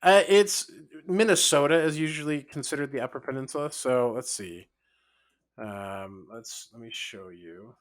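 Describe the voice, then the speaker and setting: A man's voice: mid-range voice, moderate pace. A man co-hosting a podcast in casual chat, often repeating words as he explains. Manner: animated, repeats himself while explaining. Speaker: podcast co-host.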